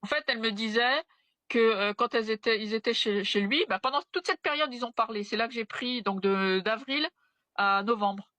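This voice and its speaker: A mother giving a halting personal testimony to an interviewer, retelling conversations. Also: fairly high pitch, pushed and bright, no room sound. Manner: halting, retelling with quoted dialogue.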